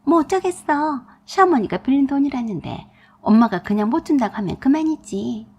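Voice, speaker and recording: A shrill, pushy young sister-in-law voiced by a woman reading the story, whining and insistent in a storybook tale. Her voice sits high and comes out slightly husky. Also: animated, normal speed, darkish tone, full character voice. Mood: wheedling. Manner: whiny, insistent pleading.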